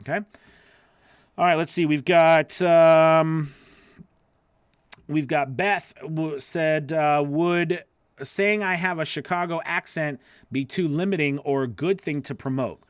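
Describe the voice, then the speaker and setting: Answering viewers' questions live, a voice-over coach speaks slowly in a voice that sits a little high, with a clean tone. He rambles, keeps correcting himself and leans heavily on "you know" and similar fillers. The recording is close and dry, with no room echo.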